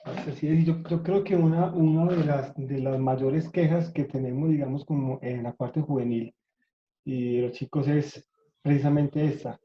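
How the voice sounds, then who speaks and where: A man from Colombia speaking in a thoughtful, measured way in a church workshop talk. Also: a little high, fairly even intonation, slight background noise. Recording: roomy lo-fi stream.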